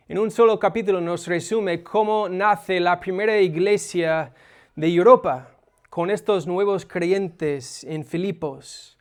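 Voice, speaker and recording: A preacher with a high, smooth, resonant voice. He explains his text in a conversational way and often pauses on small hesitations. The delivery is relaxed and teaching rather than forceful. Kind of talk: expository sermon.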